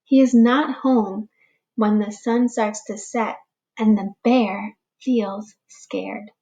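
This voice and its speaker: A woman teacher reading a picture book aloud to young children, slow and expressive, giving the animals little voices. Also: medium pitch, highs cut off. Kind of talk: read-aloud storytime for children.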